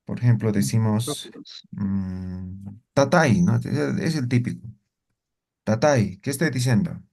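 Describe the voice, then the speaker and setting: A man teaching a language class, explaining slowly and often asking his students questions with tag questions. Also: on the low side, lively intonation, vocal fry, a little mellow.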